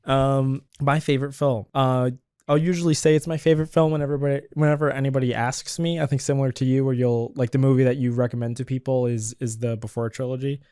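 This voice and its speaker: Young male podcast co-host, clear smooth tone, giggly and halting, dry close mic. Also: mid-range voice, level tone, mellow, dry recording. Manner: laughs often, stammering restarts. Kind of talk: casual film podcast chat.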